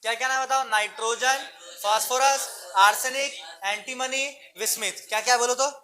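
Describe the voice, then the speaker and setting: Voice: medium pitch, steady tone, normal speed, pushed and bright, a little hiss or hum. A chemistry teacher in a classroom, drilling students with chanted mnemonics and repeated questions, chatty and teasing. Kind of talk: classroom lecture. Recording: classroom with students talking in the background.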